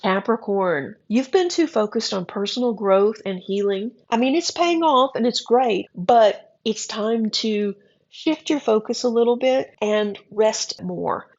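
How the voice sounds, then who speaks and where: A woman's voice: a little high, expressive, unhurried, a little mellow, highs cut off. Chatty, encouraging woman astrologer. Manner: chatty, encouraging, a little wry. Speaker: astrology reader. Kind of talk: horoscope forecast to camera.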